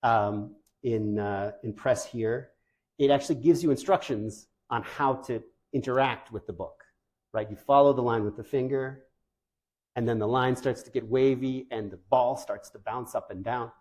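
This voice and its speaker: A man's voice: medium pitch, moderate pace, darkish tone. A man giving an informal presentation to parents of deaf children, enthusiastic and conversational, with loose, chatty phrasing.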